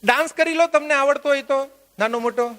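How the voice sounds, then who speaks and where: High-voiced man giving a lively workshop talk. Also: fairly quick. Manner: animated, joking, quizzes the audience. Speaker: workshop trainer. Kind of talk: lively lecture to a live audience. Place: workshop at a religious venue.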